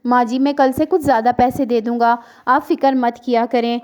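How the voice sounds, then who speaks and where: Woman doing a gentle sparrow husband, respectful peacemaker, high mellow voice, cartoon story. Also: moderate pace, close to an everyday voice. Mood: soothing. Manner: calm, soothing, respectful. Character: dutiful adult male sparrow husband, calm peacemaker.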